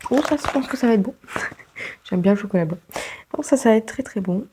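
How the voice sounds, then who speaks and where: A young woman chats casually in a book vlog, sounding congested from a sore throat and using lots of fillers and laughter. Her voice is medium-pitched and fairly quick, with background noise behind it.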